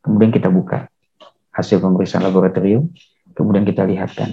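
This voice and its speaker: A man lecturing on counseling, calm and measured, acting out what counselor and client say. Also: low voice. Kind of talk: lecture with acted counseling examples. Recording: dull lo-fi recording.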